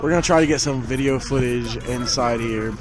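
A man's voice: mid-range voice, a little fast, low-quality recording. A man in his thirties, drunk and chatting casually into a vlog camera as a crude, boisterous party animal. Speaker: vlogger. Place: nights out in cars, bars and a house. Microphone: handheld camera at arm's length. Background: music.

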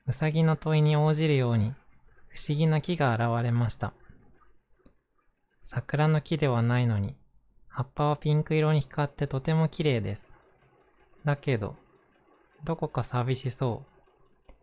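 Soothing male bedtime storyteller, mellow tone, gentle picture-book narration. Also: on the high side, moderate pace, long pauses. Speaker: storyteller reading picture books aloud to listeners.

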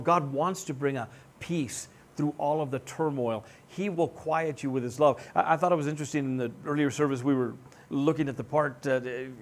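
An American man preaching a sermon as pastor, conversational and joking, often putting questions to his congregation. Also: on the high side.

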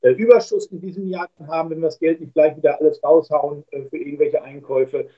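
A man's voice: a little high, fairly even intonation, fast talker. A man talking as a guest pundit over a poor internet stream, explaining earnestly with many hesitations. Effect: poor internet stream audio. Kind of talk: remote talk show discussion. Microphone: remote call mic. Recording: lo-fi muffled online call.

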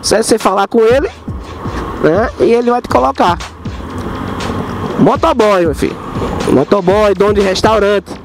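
A man's voice: high-pitched, moderate pace, long pauses, over music. A man with a Northeastern Brazilian accent from Pernambuco, chatting casually as a motovlogger, his voice strained by an inflamed, sore throat. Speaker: motorcycle delivery rider and vlogger. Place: outdoors, riding a motorbike through city streets.

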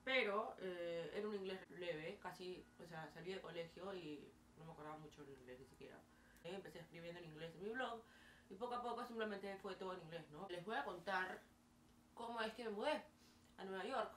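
In a small bedroom, a twenty-something vlogger from Peru chats to camera in Peruvian-accented Spanish, speaking fairly quickly in a lowish voice with lively gestures and plenty of fillers. The camera mic sits at a distance, so the sound is roomy and distant with a faint hiss.

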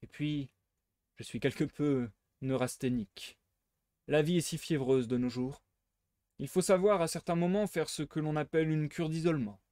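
A man reading as a smug gentleman thief. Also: a little high, steady tone, normal speed, no echo, close to an everyday voice. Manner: playful, teasing, smugly theatrical. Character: suave mocking gentleman thief, adult man. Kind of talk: live reading of a novel aloud.

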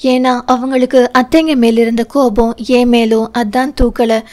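A woman's voice: a little high, fairly even intonation, measured pace, a little mellow, natural voice. A woman reading the part of a lonely, tearful young woman in an audio novel, speaking in a sad, self-pitying way.

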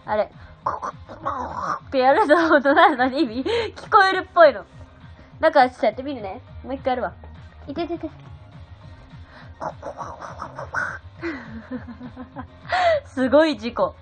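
A woman's voice: high voice, big pitch swings, unhurried, long pauses. A young woman chatting casually on a livestream, giggling and answering viewer comments. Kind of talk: casual live-stream chat. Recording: dull lo-fi stream audio with faint music.

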